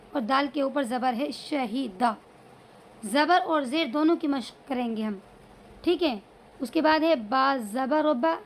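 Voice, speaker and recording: A woman teaching Quran reading, drawing out letters and vowel marks syllable by syllable, then explaining in brisk asides. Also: high-pitched. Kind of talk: slow syllable-by-syllable recitation lesson.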